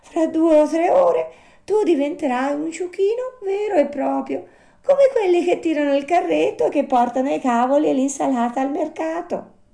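A woman voicing a kindly little female marmot who speaks slowly and sighs with sympathy. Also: high voice, gravelly, voice pushed up. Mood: gentle. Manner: slow, soft, sighing and sympathetic.

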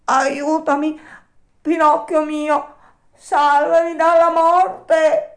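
A woman's voice: flat delivery, darkish tone. Woman doing a wailing drowning dog. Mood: panicked. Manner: high, drawn-out, wailing pleas. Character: terrified drowning male dog, later grateful.

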